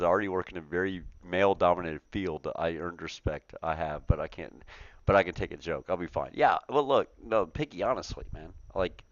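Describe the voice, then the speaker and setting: A man in his forties hosts a trucking talk show, chatting casually and profanely, laughing often and repeating himself. His voice is low, and the recording has its highs cut off.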